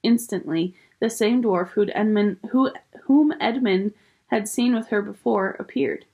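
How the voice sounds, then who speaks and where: A woman teacher reading a children's book aloud with clear, expressive storytelling. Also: medium pitch, a little slow.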